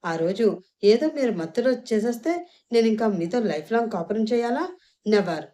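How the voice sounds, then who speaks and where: Lady doing a teary young woman snapping back, defiant, warm mellow voice. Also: fairly high pitch, expressive, brisk, lightly acted. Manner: tearful and defiant. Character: hurt, defiant young woman, tearful but proud.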